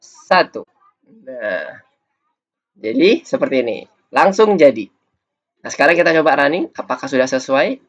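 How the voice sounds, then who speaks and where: A man's voice: medium pitch, sing-song, normal speed, pauses often, a bit bright. A man teaching a coding lesson over a screencast, explaining patiently step by step. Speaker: programming teacher. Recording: dull lo-fi audio.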